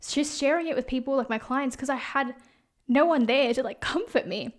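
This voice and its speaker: A young woman, telling a story in a chatty, animated way as a podcast host, with lots of "like". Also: high-pitched, moderate pace. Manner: chatty, animated, heavy use of "like". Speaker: podcast host and salon owner. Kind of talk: casual storytelling monologue.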